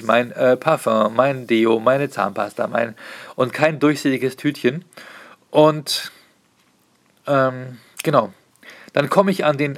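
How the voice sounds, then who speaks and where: Man, comedian, animated storyteller with a mid-range voice who curses casually. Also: medium pitch, vocal fry. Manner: animated, swears casually, jumps into quoted dialogue. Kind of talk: casual comic anecdote.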